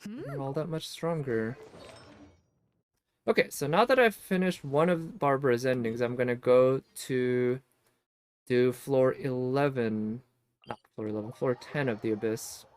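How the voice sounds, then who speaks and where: A man talks through his gameplay on a live stream, musing and picking apart details as he goes. His voice sits at an average pitch, casual and unhurried in tone. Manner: musing, analytical.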